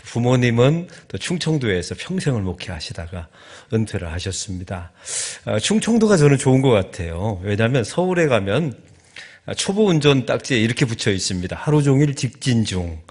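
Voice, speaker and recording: A middle-aged man from Chungcheong with a Chungcheong Korean accent, preaching a lively, joking sermon as a guest pastor in a church. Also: mid-range voice, a little fast, breathy edge. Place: church sanctuary.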